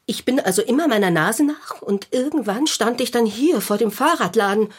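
A woman's voice: a little high, lively intonation, normal speed, husky. An actress playing a grumpy, gloomy female clown in a children's radio play, talking in a sulky, self-pitying way. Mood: glum.

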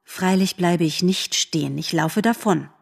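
A woman reading an audiobook aloud, voicing a gentle mother forest animal who speaks calmly and reassuringly. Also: lowish voice, measured pace, vocal fry, husky, heavily acted. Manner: calm, reassuring.

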